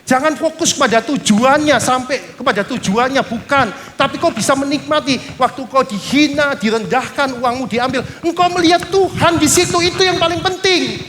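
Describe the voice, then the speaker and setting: A man's voice: extremely high pitch, moderate pace, hardly any pauses, a bit bright, slight background noise. A male pastor preaching a sermon emphatically, often calling out amen to the congregation.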